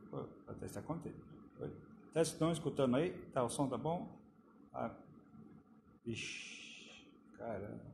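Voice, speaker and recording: A creaky, medium-pitched male voice greets viewers and checks the sound during a casual live stream from his phone. The phone-camera audio is roomy, picking up faint room noise and the hum of the air conditioner in the room.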